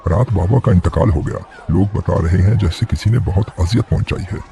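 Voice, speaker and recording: A man's voice: sits low, fairly quick, creaky, dark tone, slight background noise. An actor playing a concerned male friend.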